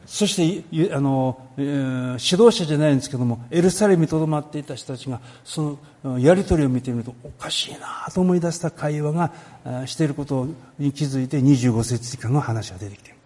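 A man giving a sermon on a Bible passage, talking in a lively way with many pauses and filler words. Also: fairly high pitch. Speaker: pastor.

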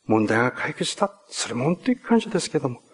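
A male pastor preaching a sermon in an earnest way, rising to emphatic peaks and slowing for key points. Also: medium pitch, very animated, husky.

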